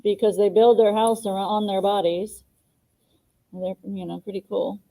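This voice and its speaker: A woman's voice: medium pitch, steady tone, moderate pace, creaky, warm tone. A woman co-hosting a casual video call from a large empty classroom, her voice echoing around the big hall as she chats and laughs often. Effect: echo of a big hall. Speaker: co-host, landscaping coordinator.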